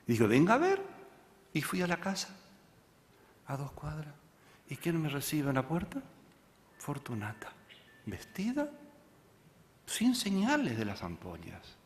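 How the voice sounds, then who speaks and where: A pastor, preaching a sermon and telling a story that he acts out, moving from loud passages to hushed ones. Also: fairly high pitch, very animated, a little slow, long pauses, in a large hall.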